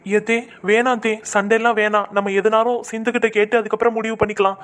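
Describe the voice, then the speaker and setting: A woman voicing a calm young female relative in a cartoon, soothing and pleading to stop a fight. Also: fairly high pitch, fast talker, lightly acted. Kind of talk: comic cartoon voice acting.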